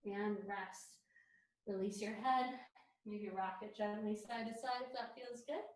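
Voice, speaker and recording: A woman leading a yoga class with soothing, encouraging, unhurried cues, recorded in an echoey room. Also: medium pitch, steady tone. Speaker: fitness and yoga instructor. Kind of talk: guided workout class, spoken cues. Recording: very echoey room, distant microphone.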